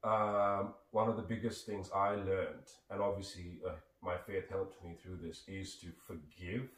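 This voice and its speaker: A Sri man with a low, deep voice speaks as a guest, earnest and reflective. He sounds set back from the microphone, and the room around him is echoey. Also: little pitch movement, measured pace. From Sri Lanka. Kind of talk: reflective conversation. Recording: echoey room, distant mic.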